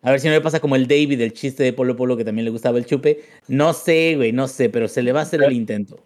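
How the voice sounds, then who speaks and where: A man's voice: mid-range voice, fast talker, darkish tone. A man around forty with a Mexican Spanish accent, co-hosting a podcast with crude jokes. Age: 40s. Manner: crude joking. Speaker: podcast co-host. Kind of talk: casual banter.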